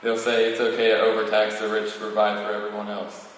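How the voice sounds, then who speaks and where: A man's voice: on the low side, monotone, fairly quick. A young man, about eighteen, delivering a prepared podium speech as a student valedictorian, reading with occasional stumbles. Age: young adult, about eighteen. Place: large reverberant room, speaking to an audience. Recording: very echoey hall, distant mic, faint noise.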